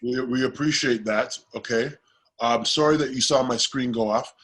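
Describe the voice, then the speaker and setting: A man hosting a video call panel, joking in lively casual banter. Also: medium pitch, moderate pace, husky. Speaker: host.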